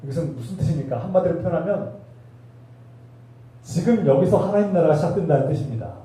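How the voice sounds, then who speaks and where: A man's voice: on the high side, lively intonation, fast, dark tone. A male pastor preaching a sermon, with rhetorical questions and emphatic repetition. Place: church sanctuary. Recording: echoey hall, voice from a distance.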